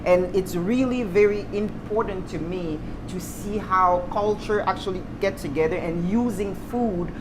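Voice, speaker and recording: A woman in her thirties with a Cameroonian accent, a guest chef and restaurant owner, presents to camera in an indoor restaurant kitchen. Her mid-range voice is unhurried, yet she barely pauses, speaking casually and emphatically. The recording carries clearly noisy kitchen ambience.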